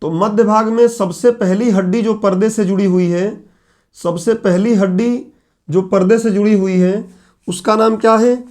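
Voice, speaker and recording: A middle-aged man teaching in a classroom, his voice pitched notably high and roughened by a sore throat. He works through the lesson point by point, firing questions at the class and answering them himself. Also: steady tone, moderate pace, a little mellow. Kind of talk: classroom lecture at a whiteboard.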